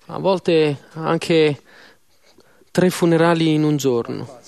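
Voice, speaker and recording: A man interpreting a church sermon in an earnest, measured way with slow pauses. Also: fairly high pitch, vocal fry, darkish tone.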